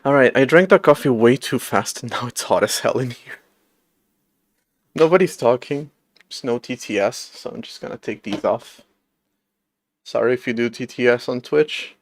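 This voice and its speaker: Talking at normal speed with long pauses, this man has a mid-range voice and no room sound around him. He's in his late twenties, coding an operating system on a livestream at home, where he rambles, pokes fun at himself, and laughs often.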